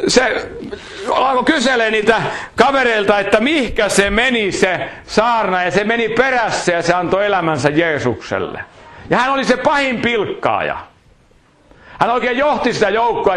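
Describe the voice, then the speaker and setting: High-voiced preacher in an echoey room. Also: male voice, fairly bright tone. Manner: folksy storytelling with humorous anecdotes. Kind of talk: sermon.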